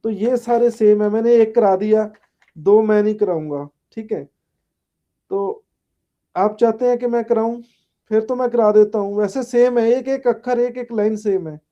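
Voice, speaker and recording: A man's voice: high-pitched, normal speed, dark tone, dull audio. A male teacher, giving a casual online lecture and answering student chat, often saying "okay" and "yes". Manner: casual, repeats "ठीक है" and "हाँ जी" often.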